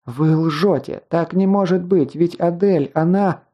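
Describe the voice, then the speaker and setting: A man's voice: on the high side, a little slow, highs cut off, voice pushed up. A man voicing a grief-stricken young woman in an audiobook, speaking in raised, breaking cries. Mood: despairing. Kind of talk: audiobook character voice.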